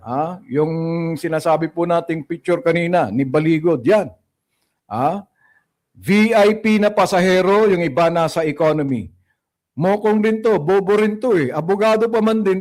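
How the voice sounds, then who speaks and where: A man hosting a political opinion vlog, talking straight to his viewers in a scornful, mocking tone and slowly working through numbers. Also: fairly high pitch, darkish tone. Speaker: political commentary vlogger. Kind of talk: opinion commentary addressed to viewers.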